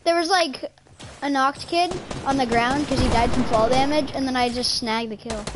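A woman's voice: high-pitched, moderate pace, noisy background. A young woman chatting casually while gaming, matter-of-fact and teasing. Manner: matter-of-fact, complains, teases.

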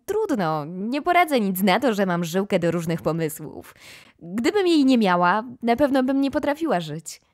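A woman's voice: mid-range voice, very animated, moderate pace, darkish tone, dry recording, clean studio sound, natural voice. A woman reading an audiobook, voicing an imaginative, kind young girl with a dreamy, playful tone.

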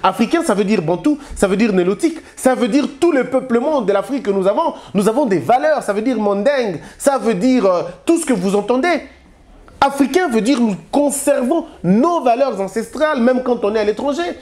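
A man's voice: very high-pitched, lively intonation, brisk, a little mellow. A man from Congo, giving a moralizing public address full of rhetorical questions and exhortations. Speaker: speaker on family values.

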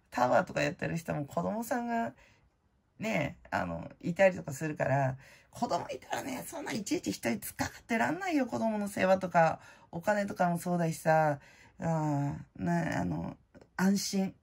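A middle-aged woman hosting her own channel, chatting casually in a blunt, slangy way full of fillers, and loud-voiced by her own account. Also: on the low side, expressive, moderate pace, creaky, slightly rough. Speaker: prize-winning vlogger host. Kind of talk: casual chat.

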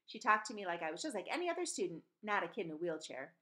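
Speaking at a quick pace in a lowish register, a woman in her forties performs a novel with lively expression. The odd stumble creeps in, and she corrects herself as she goes. She's indoors in a small room at home, recorded by her computer's webcam mic from across the desk.

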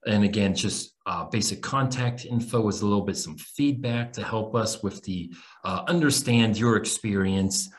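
A man's voice: on the low side, normal speed. A man in his thirties with an American accent, casually hosting an online teacher webinar in an informal, encouraging way over a video call. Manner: informal, addresses listeners as guys. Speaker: webinar host and English teacher trainer. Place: small room on a video call.

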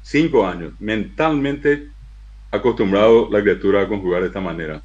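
A man giving a university lecture on language, spelling out syllables slowly and with emphasis. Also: on the low side, darkish tone, lo-fi sound. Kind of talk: lecture to an auditorium.

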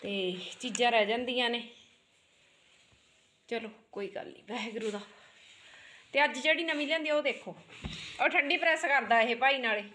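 A woman's voice: fairly high pitch, moderate pace, pauses often, pushed and bright. A middle-aged woman with an Indian Punjabi accent chatting casually as a family vlog host, often checking in with little tag words. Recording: echoey room, faint background noise.

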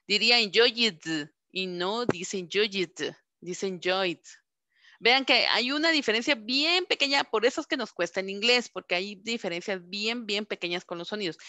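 A female teacher runs an online lesson, slowly and patiently repeating each English verb so students can practise pronunciation. Her mid-range voice sounds bright and clear, captured close and dry with no echo.

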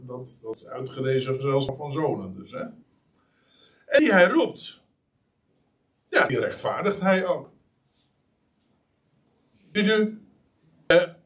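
A man preaching a sermon, emphatic and animated, with frequent pauses and restarts. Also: mid-range voice, far from the mic. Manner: lively, emphatic preaching with many hesitations. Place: church meeting hall.

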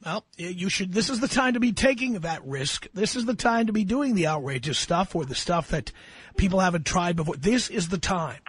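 A man hosts a call-in radio show and hands out blunt career advice in an emphatic, lecturing way. His voice sits high for a man and has a husky edge. The sound is close and dry, with no room around it. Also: a little fast, no room sound. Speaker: radio talk show host.

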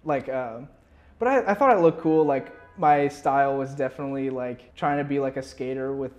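In a small furnished room, a young adult musician chats as an interview guest through a clip-on lapel mic, faint music playing behind him. His medium-pitched voice moves at a moderate pace with a darkish tone. He rambles casually, slipping "like" into nearly every sentence.

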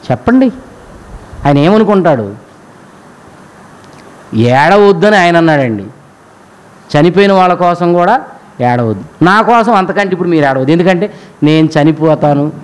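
A man's voice: a little high, poor audio. A man preaching a sermon, addressing the congregation with frequent rhetorical questions. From India.

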